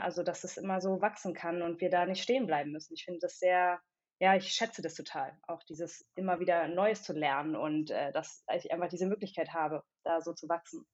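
A woman from Berlin, a company founder, talking as a podcast guest in a thoughtful, hesitant way with many filler pauses. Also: lowish voice, a little mellow, dull audio. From Berlin, Germany. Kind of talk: casual interview chat.

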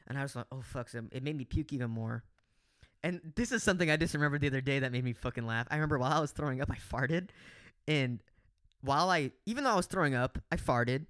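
A man's voice: medium pitch, quick pace, clean tone, no room sound, studio quality. A young man co-hosting a podcast, telling a story in casual chat with lots of swearing and acted-out quotes of himself. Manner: animated, swears a lot, acts out his own lines. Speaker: podcast co-host.

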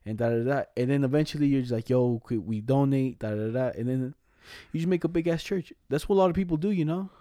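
A young man with a mellow, relaxed voice chats like a podcast co-host. He tells stories casually with plenty of slang and swearing, animated in his phrasing. The sound is dry. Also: fairly high pitch, fast, hardly any pauses, no echo. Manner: slangy, profane, animated storytelling. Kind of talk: casual banter.

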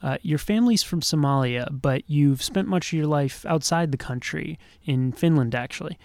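A man hosting a policy podcast, reading a polite intro and then interviewing a guest in a measured way, with small stumbles. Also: on the high side, gravelly, darkish tone, no room sound, clean studio sound. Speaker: podcast host.

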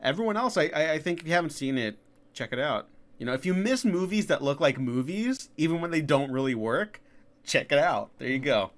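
A man's voice: a little high, animated, fairly quick. A man hosting a podcast, with a stuffy, nasal voice while getting over being sick, talking loosely and swearing. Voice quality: nasal from a cold. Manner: loose, swears and laughs often. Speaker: podcast host. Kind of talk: casual chat.

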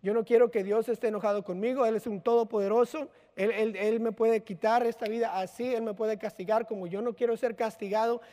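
A man preaches in a loose, conversational way, weaving in personal anecdotes and little acted-out lines. His voice sits high for a man. A long hall reverb trails each phrase. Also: fairly even intonation, fairly quick, hardly any pauses, warm tone. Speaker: pastor. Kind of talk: sermon.

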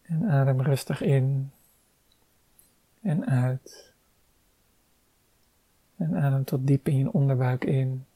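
A meditation guide leading a calm relaxation exercise, giving soft-spoken, unhurried instructions with long pauses. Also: mid-range voice, no echo.

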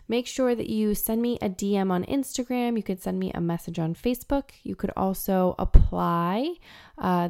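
A woman podcast host speaks with a heavy gravelly creak, as if her throat is swollen. She sounds groggy and froggy from a sore throat, yet keeps a warm, chatty hosting style. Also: medium pitch.

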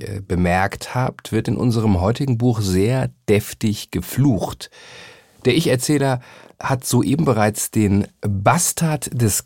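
A man's voice: medium pitch, a little mellow, no echo, studio quality. A man hosting a book podcast, talking in a chatty, enthusiastic way with the occasional um. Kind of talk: scripted podcast talk.

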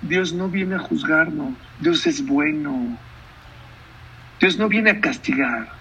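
A man's voice: on the high side, animated, slow, sharp tone, recorded from a distance, lo-fi sound, a little hiss or hum. A man giving a sermon as a rabbi, telling a story and asking his listeners questions. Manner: storytelling, asks the audience questions.

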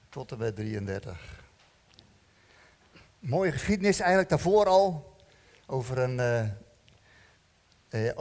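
A man preaching a sermon in a church, animated and joking, asking the congregation questions. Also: mid-range voice. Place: church hall. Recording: long church-hall reverb.

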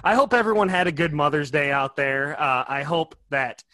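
A man's voice: fairly high pitch, animated, normal speed, pushed and bright. A man hosting a casual film podcast, upbeat and chatty, with plenty of fillers. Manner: upbeat, sing-song greeting, loose with fillers. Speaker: podcast host.

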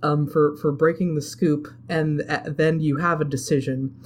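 Animated swearing woman recapping a game. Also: sits low, moderate pace. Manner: animated, swears freely, acts out characters' lines. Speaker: podcast co-host recapping a game. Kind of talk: casual chat.

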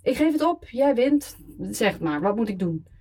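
A woman voicing a drunk, desperate middle-aged man pleading loudly and crudely with his ex on the phone. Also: on the high side, sing-song, normal speed, voice pushed up. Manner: slurred, begging, loud and crude.

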